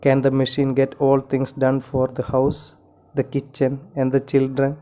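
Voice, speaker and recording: A tired young mother, worried and a little sharp, speaking slowly in a clear, smooth, mellow voice, as a male narrator reads her lines. Her lines come at an unhurried storybook pace. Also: mid-range voice, completely flat delivery. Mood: uneasy. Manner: measured bilingual reading of her lines.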